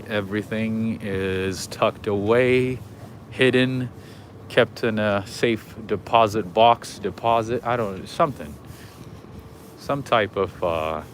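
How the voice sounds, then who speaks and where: A man's voice: lowish voice, slight background noise. A man hosting a live walking tour outdoors on a city street, chatting casually and greeting viewers by name. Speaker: livestream host.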